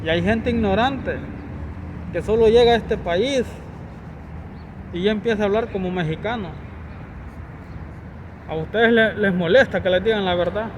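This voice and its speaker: A man's voice: sits high, normal speed, long pauses, lo-fi sound, background noise. Insistent Honduran man ranting by a street. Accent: Honduran Spanish. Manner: insistent, repetitive, lecturing. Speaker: vlogger. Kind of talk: opinion rant to camera.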